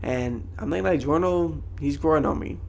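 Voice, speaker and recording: Young man, creaky voice, informal rambling review, slangy wording, faint background noise. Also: on the high side, moderate pace, a little mellow. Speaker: anime reviewer. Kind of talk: casual episode review to viewers.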